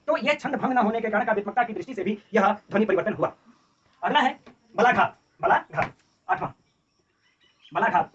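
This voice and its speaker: A man's voice: very high-pitched, fairly bright tone, breathy edge. A man teaching an exam-prep lecture at a board. He explains with examples and keeps asking his class "right?", recorded from a distance on a dull lo-fi mic.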